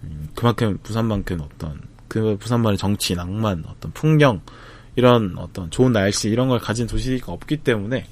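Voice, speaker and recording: A man, talking to camera about a film festival trip in a reflective, casual way, with frequent pauses, fillers and restarts. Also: on the low side, a little mellow. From Busan, South Korea. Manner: thoughtful, hesitant, many fillers and restarts.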